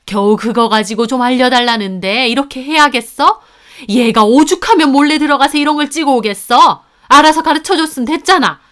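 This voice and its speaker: Woman doing a scornful mother-in-law, scolding and sharp, smooth clear voice, pitched a bit high. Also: brisk. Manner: sharp, scolding, defends her daughter. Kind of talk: narrated story with acted dialogue.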